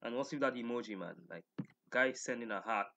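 Young male host, medium pitch, casual comment-reader, slangy and mocking. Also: fairly quick, pushed and bright, highs cut off, slight background noise. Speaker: YouTube host reading and reacting to comments.

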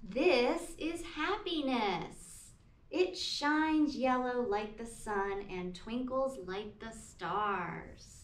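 A preschool teacher reads a picture book to young children in a high, sing-song voice, going very slowly. A camera several meters away captures her in an echoey classroom, so the sound is distant and includes background noise.

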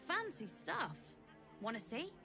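A woman's voice: high voice, huge pitch swings, measured pace, creaky, bright, forceful tone, soft background music, full character voice. A woman playing a sly young street-urchin girl in a video game, with brash, wheedling sales patter. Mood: sly, friendly.

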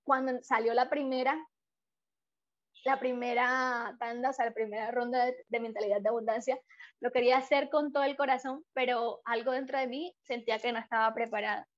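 A woman with a Colombian Spanish accent tells her story in an earnest, heartfelt testimonial. Her voice sits a bit high, and she often restarts her sentences with fillers. The audio is slightly dull and muffled. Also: fairly even intonation, a little fast. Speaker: program participant giving a testimonial.

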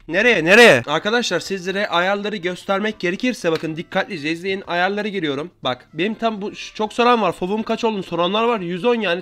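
A man's voice: high voice, a bit bright. A young man giving casual gameplay commentary, chatty and teasing his opponents while talking straight to his viewers. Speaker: gaming YouTuber. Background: keyboard and mouse clicks.

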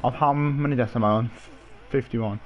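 A man's voice: medium pitch, normal speed, dull audio, a little hiss or hum. A young man, chatting casually and swearing as he streams a game with friends. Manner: sweary, teasing banter. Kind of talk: casual gaming chat with friends.

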